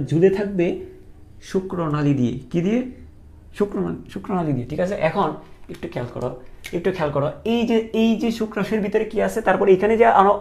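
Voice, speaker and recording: Gravelly male teacher drilling key terms. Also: sits high, darkish tone. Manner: repeats key terms as questions, drilling students. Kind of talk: online lecture.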